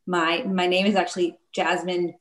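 Friendly, straightforward woman panelist, lowish voice, roomy echo. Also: little pitch movement, moderate pace. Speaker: panelist, marketing executive. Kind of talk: panel introduction.

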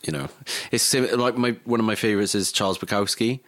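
Recalling his life in a casual, informal interview with some swearing, a young man from Cardiff, Wales, born in Greece, speaks at a quick pace. His voice is on the low side, gravelly yet fairly bright. The audio is clean studio sound with no room sound.

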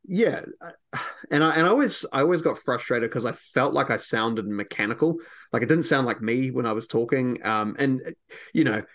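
A man's voice: mid-range voice, animated, moderate pace, a bit bright. A man hosting a podcast, chatting eagerly about preaching with many filler words. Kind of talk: casual chat.

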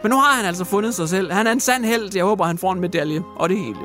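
Male radio host, high voice, crude comic storyteller, light music under him. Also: fairly bright tone. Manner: jokey, crude, theatrical retelling. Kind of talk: comic radio news chat.

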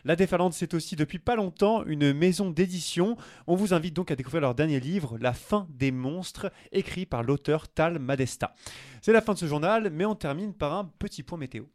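A man hosting a radio news segment, reading items briskly and chatting with his co-host. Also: a little high, darkish tone, no room sound, studio quality.

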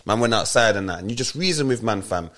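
A man's voice: on the low side, animated, fast talker, a bit bright. A man with a south London accent hosting a casual podcast chat, full of street slang and tag questions. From south London, England. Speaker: podcast host.

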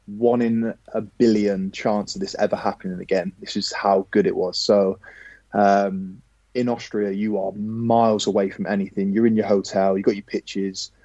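A man with a dark, slightly husky voice spins a lively anecdote as a podcast guest. He talks casually and swears now and then. The sound is dry and a bit dull and lo-fi. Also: lowish voice, normal speed, dry recording. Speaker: guest, professional footballer.

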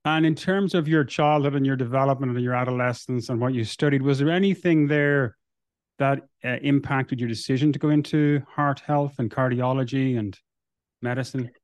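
A man's voice: medium pitch, moderate pace, no room sound. A man hosts an interview podcast, thanking his audience and asking long, rambling questions. His delivery is friendly, in a mid-range voice. The recording is dry and close. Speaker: podcast host.

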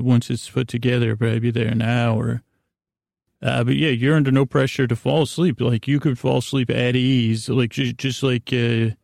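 A man hosts a sleep podcast, offering a gentle, soothing bedtime monologue that meanders haltingly through trailing asides. His voice is mid-range and creaky. The sound is clean studio audio with no room sound.

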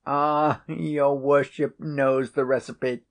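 A man reading aloud and voicing an eager, fawning old woman who is secretly a witch, in a cackling, excited manner. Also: medium pitch, slow, lightly acted. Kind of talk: audiobook character reading.

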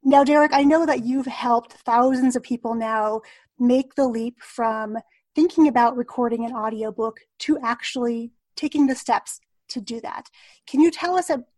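A woman hosts an interview, building on her guest's ideas in an affirming, reflective way. Her voice sits a little high. The recording is dry and close. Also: normal speed, darkish tone, no echo. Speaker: podcast host. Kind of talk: conversational interview.

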